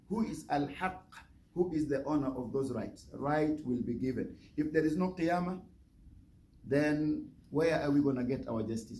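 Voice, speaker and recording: A man's voice: fairly high pitch, gravelly, mellow. A man giving a religious lecture as an imam, teaching by repeating phrases and putting questions to his listeners. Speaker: imam, guest speaker. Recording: noticeable background noise.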